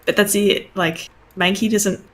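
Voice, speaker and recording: A woman's voice: mid-range voice, steady tone, a crowd in the background. Giggly woman, frank podcast chat. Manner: giggly, frank, quick to laugh. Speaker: podcast co-host. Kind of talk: casual chat.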